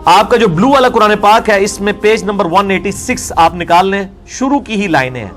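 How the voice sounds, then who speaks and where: A man's voice: high voice, expressive, a bit bright, faint music behind. A man lecturing on scripture as a religious scholar, explaining verse by verse in a combative way.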